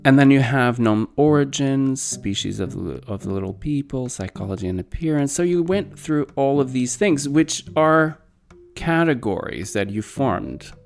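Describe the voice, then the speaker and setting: With faint music behind him, a man in his forties hosts a casual podcast interview; he's not a native English speaker. His gravelly, mid-range voice has lively intonation and a moderate pace, and he rambles enthusiastically with lots of fillers.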